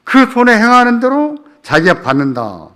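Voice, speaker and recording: A male pastor delivers a sermon with a lively, wide-ranging pitch and a bright, forceful tone. He poses rhetorical questions to his listeners and drives points home by repeating them. His delivery swings between emphatic loud lines and soft ones. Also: normal speed. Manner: asks the congregation rhetorical questions and repeats key phrases. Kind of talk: sermon at a church prayer meeting.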